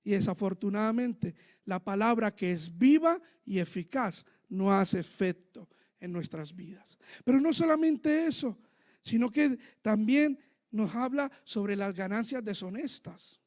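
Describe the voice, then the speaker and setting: A man preaching a sermon in a church, sharing a personal testimony with fervent emotion that swings between loud and soft. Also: high voice, lively intonation, measured pace.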